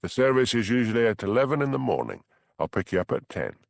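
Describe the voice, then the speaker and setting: Quiet, stubborn Highland constable, Scottish accent, measured and flat, the reader's own voice. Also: male voice, creaky, no room sound. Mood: firm.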